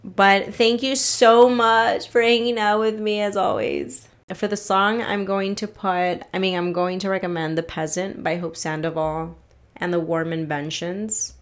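A woman hosts a casual solo podcast, ranting in a frustrated, rambling way and swearing freely, sounding a little congested from allergies. Her voice is medium in pitch, her delivery flat and her pace measured.

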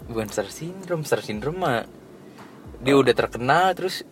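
A man's voice: medium pitch, animated, moderate pace, a crowd in the background. Laid-back young man podcast host. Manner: laid-back teasing, casual swearing. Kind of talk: casual chat.

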